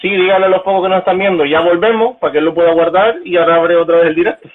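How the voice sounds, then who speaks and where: Calling in as a guest over a crackly, choppy phone line, a man with a high-pitched voice talks politics very fast. He makes his case earnestly, building points through examples.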